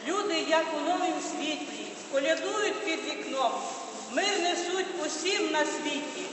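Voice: very high-pitched, a little slow. A performer reciting festive Christmas verse in a nativity play. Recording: echoey hall, distant mic, noisy.

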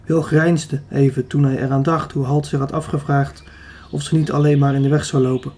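A man's voice: medium pitch, brisk, slight background noise. A man reading a youth adventure novel aloud as an audiobook narrator, telling it steadily and evenly. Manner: steady, even storytelling. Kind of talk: scripted narration.

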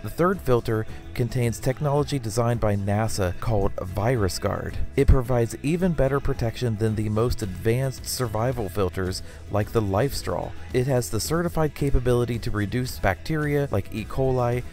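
A man's voice: mid-range voice, moderate pace, hardly any pauses, darkish tone, faint music behind. Man reading a product voice-over. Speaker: narrator explaining a product. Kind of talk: scripted voice-over narration.

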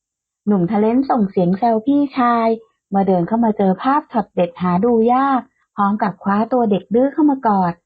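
A woman hosting and narrating a romance audio novel in a smooth, steady storytelling manner, with a tinny phone-like sound. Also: medium pitch, fairly quick. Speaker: audiobook narrator and channel host.

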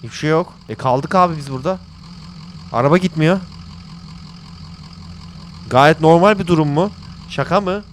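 A man's voice: a little high, normal speed, long pauses, a little hiss or hum. A man commentating a horror game in a jokey way, reading its lines aloud and yelping when startled. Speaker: gaming channel host. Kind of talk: let's play commentary.

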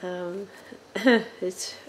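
A woman speaking slowly and a little low, talking through a vintage doll in a loose show-and-tell way. She hesitates often, filling gaps with ums and uhs, and coughs now and then. Faint room ambience sits behind her voice at home. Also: completely flat delivery, darkish tone, a little hiss or hum, poor audio. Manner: hesitant, many ums and uhs, halting phrasing; occasional coughs. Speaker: doll collector channel host. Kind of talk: casual show-and-tell narration. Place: indoors at home, on a sofa.

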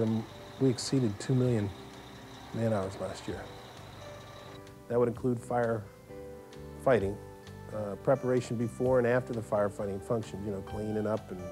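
A man's voice: medium pitch, fairly even intonation, normal speed, over music. An American man explaining things as a fire company spokesman in a documentary interview.

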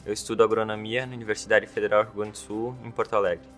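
A man's voice: fairly low pitch, flat delivery, quick pace, fairly bright tone, soft background music. Hesitant young man. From southern Brazil. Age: young adult. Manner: hesitant, repeats words when starting. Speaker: exchange student. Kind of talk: interview testimonial. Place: indoor campus building.

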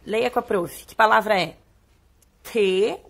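A woman's voice: on the high side, lively intonation, fairly bright tone. Woman teacher coaxing young children. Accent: Brazilian Portuguese. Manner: slow, sing-song stress on words for young children. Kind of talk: reading and explaining a children's poem.

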